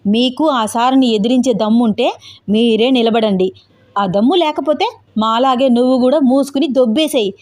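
A woman's voice: mid-range voice, moderate pace, darkish tone, close to an everyday voice. Brief: hired street toughs, slangy and coarse, woman reader puts them on. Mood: defiant. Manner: rustic slang, blunt. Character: rough hired street thugs, rustic men.

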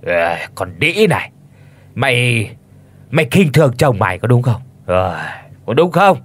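A drunken, violent village husband, slurring and snarling his insults in a low, lurching voice, as a male storyteller puts him on. His pitch swings hard from growl to bark. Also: very animated, measured pace, no echo. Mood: murderous rage.

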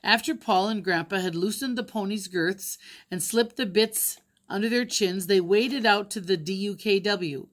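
Grandma reading a chapter book aloud, plain steady voice, chats about the pictures. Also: female voice, medium pitch. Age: older. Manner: plain, pauses to explain pictures. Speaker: storybook reader.

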